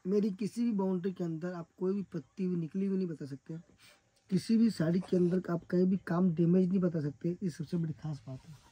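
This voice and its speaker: Emphatic saree seller. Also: male voice, high-pitched, fairly even intonation, fairly quick, dark tone, slightly rough, poor audio. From Rajasthan, India. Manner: emphatic, repetitive praise of the goods. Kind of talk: sales pitch showing products.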